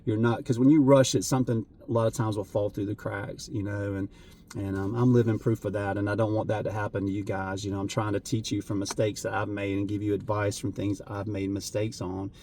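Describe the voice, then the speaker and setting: A man talking earnestly and emotionally to camera as a vlogger, halting, with many fillers and restarts. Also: on the low side, level tone, dark tone, slight background noise. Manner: emotional, voice wavering at times. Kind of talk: heartfelt unscripted talk to camera.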